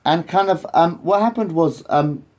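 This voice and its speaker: His voice sits a little high and sounds slightly mellow, moving at a normal speed. He's an English vlogger in his late forties who rambles on camera, repeats things, curses frequently and digresses.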